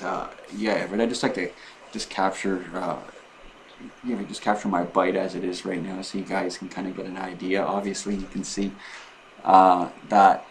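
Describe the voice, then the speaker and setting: A man talking casually and unscripted to his vlog viewers, in a halting, rambling way with repeated and restarted phrases. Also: low voice, a little hiss or hum, low-quality recording. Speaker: vlogger documenting his own surgery preparation.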